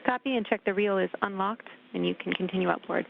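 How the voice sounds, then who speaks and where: A woman's voice: medium pitch, quick pace, creaky. Woman on a narrow mission-control radio loop. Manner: calm, precise instructions. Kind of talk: radio procedure instructions.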